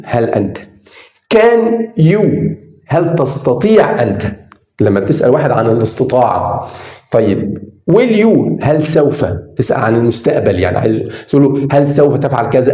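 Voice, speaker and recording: A man with an Egyptian Arabic accent teaching English grammar in a lively, emphatic way, drawing out words for stress. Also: a little high. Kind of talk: spoken grammar lesson. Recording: echoey room.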